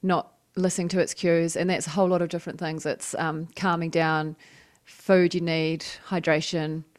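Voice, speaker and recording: A woman interviewing a guest, giving short affirmations and asking gentle questions. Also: lowish voice, level tone, moderate pace. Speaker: podcast interviewer. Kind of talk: conversational interview.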